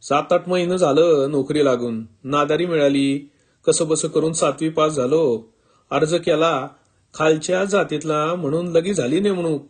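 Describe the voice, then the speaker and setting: Guy reading it puts on a friendly young village schoolteacher, rural marathi village accent, simple loud talk. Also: a little high, measured pace, husky. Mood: earnest. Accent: rural Marathi village dialect. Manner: simple rustic speech, raised voice. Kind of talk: storytelling reading.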